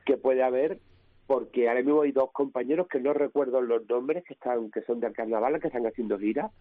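A man from Cádiz province with an Andalusian accent, a comedian telling lively anecdotes in a radio interview, acting out the people in them. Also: mid-range voice, fairly quick, no echo, phone-quality sound. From Cádiz province, Spain. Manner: lively anecdotes, mimics his mother's voice. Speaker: comedian guest. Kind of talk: animated storytelling in a radio interview.

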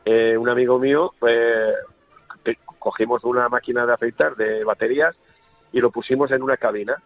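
Male phone-in caller, halting delivery, thin phone-line sound. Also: medium pitch, fairly even intonation, dry recording, faint music behind. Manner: hesitant, many fillers. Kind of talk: phone-in storytelling. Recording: tinny dry phone line.

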